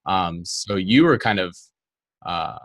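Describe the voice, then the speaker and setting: Relaxed male podcast host. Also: sits low, slow. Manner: friendly, relaxed, laughs often. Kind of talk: casual interview chat.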